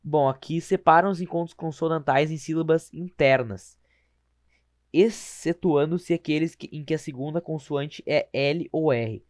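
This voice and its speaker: A man's voice: a little high, darkish tone, no echo. Man explaining grammar in a dry voice. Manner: informal, repeats words slowly, self-correcting. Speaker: teacher.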